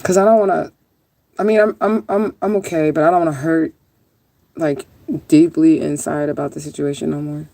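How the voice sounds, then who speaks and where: Her voice sits low and dark, steady in tone and at a normal speed, with no room sound around it. She chats casually on a livestream, responding to viewer comments in a laid-back, rambling, sometimes profane manner.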